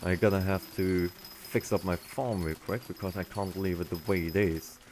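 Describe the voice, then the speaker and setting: A man's voice: deep voice, fairly even intonation, normal speed, a little mellow, a little hiss or hum. A young man casually commenting on his gameplay as a streamer, rambling and often restarting his sentences.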